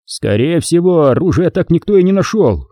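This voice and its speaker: A man's voice: a little high, big pitch swings, moderate pace, mellow, dry recording, clean studio sound, voice pushed up. Man reading as a grave navy admiral. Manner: grave, explanatory. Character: grim explaining navy admiral, calm and grave.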